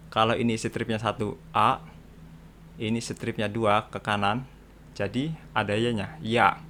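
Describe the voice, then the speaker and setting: A young man with a lowish voice teaches a beginner lesson, taking his time and talking very slowly. He walks through each letter patiently and repeats every sound so learners can copy it. A faint hum sits behind him. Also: a bit bright. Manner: slow, patient explaining, repeats sounds for practice. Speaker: Korean language teacher.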